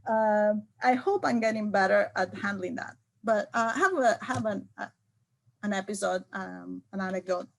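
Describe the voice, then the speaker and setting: A middle-aged woman who leads IT joins a remote interview as a guest, speaking hesitantly with many fillers and restarts. Her medium-pitched voice is creaky and her pace moderate.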